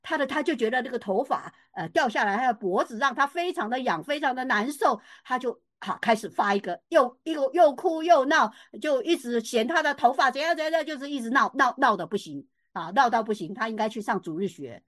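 Older woman testifying at church, fairly high voice, dry close sound, lively delivery. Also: a little fast, hardly any pauses, no echo. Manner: animated, emphatic, many fillers and restarts. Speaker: church member giving testimony. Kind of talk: personal faith testimony.

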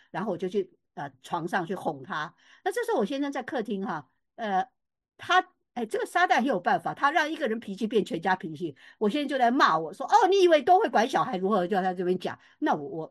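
An older woman giving a personal faith testimony at church, emphatic and expressive, with frequent fillers and restarts. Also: mid-range voice, fairly quick, slightly rough, no echo, studio quality.

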